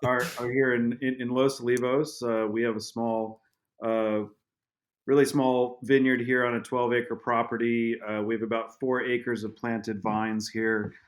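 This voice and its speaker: A man speaking as a guest on a podcast, telling a story in halting speech with many restarts. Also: mid-range voice, level tone. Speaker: guest, vineyard owner. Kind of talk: casual interview.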